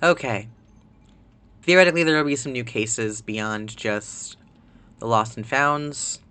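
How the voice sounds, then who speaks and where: A man chats casually while streaming a game, rambling along and dropping "like" everywhere. His voice has a bright, forward timbre at a middle pitch. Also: a little slow, clear, resonant tone. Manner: chatty, rambling, full of "like". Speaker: live-streamer. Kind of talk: casual chat while gaming.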